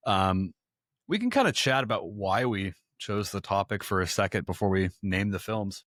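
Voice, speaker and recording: A man hosting a filmmaking podcast, talking in a relaxed way with a few fillers. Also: fairly low pitch, normal speed, no room sound, studio quality. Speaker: podcast host. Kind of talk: casual podcast chat.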